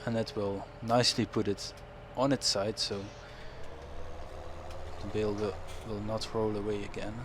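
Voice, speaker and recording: Relaxed and meandering, a young man with a Dutch accent and a low voice narrates his farming game at a measured pace, frequently correcting himself and chuckling. As a gaming YouTuber doing casual gameplay commentary, he's underscored by clear engine rumble, farm machinery, and ambient game sounds.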